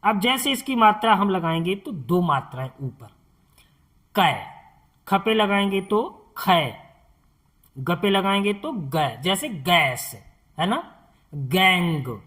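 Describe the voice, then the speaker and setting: A man teaching a slow, step-by-step lesson as a Hindi tutor. He speaks patiently, repeats each sound and quizzes the viewer on it. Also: sits high, fairly bright tone.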